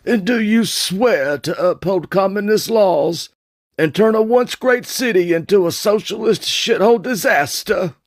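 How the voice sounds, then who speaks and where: Man as pompous old male politician, high voice, ceremonial delivery, political parody, dry sound. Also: a little slow, no echo.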